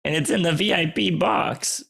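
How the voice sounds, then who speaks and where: A man's voice: a little high, normal speed, gravelly, fairly bright tone, husky, full character voice. A man improvising a flustered opera ticket seller who stammers. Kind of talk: improvised comedy scene.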